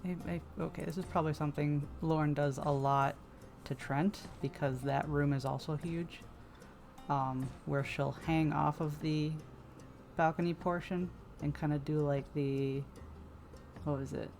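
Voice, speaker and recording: A woman at a tabletop game who thinks aloud in a chatty, casual way. Her voice is very low and carries a steady gravelly fry. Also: unhurried, soft background music. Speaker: player.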